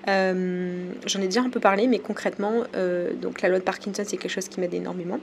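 A woman from France talks through her own podcast episode in a casual, halting way, often pausing with fillers. Her pitch sits in a middle range. Faint ambient noise hums behind her. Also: fairly even intonation, gravelly, a little mellow. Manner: hesitant, many pauses and fillers. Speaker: podcast host. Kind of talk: casual solo podcast talk.

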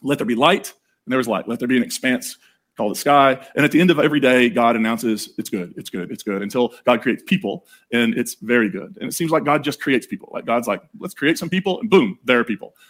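A man preaching a sermon in a casual, jokey way, telling the story with animated asides. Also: mid-range voice, fast.

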